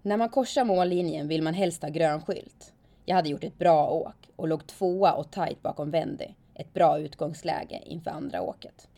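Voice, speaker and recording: A woman calmly narrating her own story in the first person, reflective and steady. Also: low voice. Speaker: former alpine skier telling her story.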